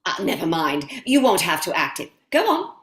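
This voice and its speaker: A woman's voice: lowish voice, very animated, moderate pace, fairly bright tone. A woman playing a gushing, imperious society lady in a stage play reading, with an affected theatrical manner. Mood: gracious. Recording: echoey room.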